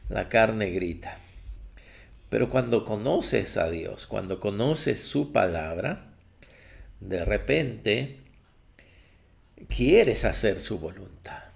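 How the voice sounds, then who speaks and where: A male pastor preaches in an animated sermon style, often breaking into the voices of the people he quotes. His delivery is unhurried, and his voice has a gravelly, creaky edge. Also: on the low side.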